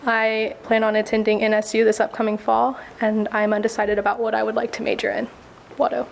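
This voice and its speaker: An eighteen-year-old woman from Oklahoma introduces herself softly, letting her phrases trail off. Her voice has a lot of vocal fry. Her tone is flat and level, with a faint hiss in the recording. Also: a little high, brisk. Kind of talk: self-introduction at a podium.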